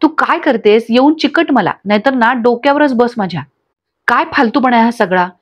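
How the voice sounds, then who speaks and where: Scolding bully husband, woman reader, slightly high voice, muffled lo-fi sound. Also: lively intonation, moderate pace. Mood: angry scolding. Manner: scolding, shouting insults. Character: short-tempered domineering middle-aged husband. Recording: dull lo-fi recording.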